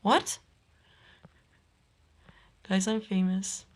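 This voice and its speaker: A woman live streamer chatting and reacting to her audience, excitable and often bursting into squealing laughter. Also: mid-range voice, drawn-out words.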